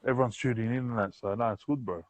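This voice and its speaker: A man's voice: medium pitch, very fast, dry recording, muffled recording. A man with a broad New Zealand accent hosting a casual interview, speaking in slangy, affirming phrases and often saying bro. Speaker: podcast host and interviewer. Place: remote live-stream call.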